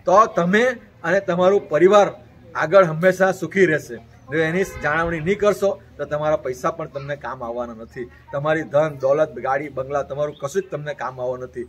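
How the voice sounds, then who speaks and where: A man's voice: a little high, moderate pace, fairly bright tone, rough recording. A man from Gujarat, an interview guest, delivering an earnest, preachy message and repeating his points in long lists.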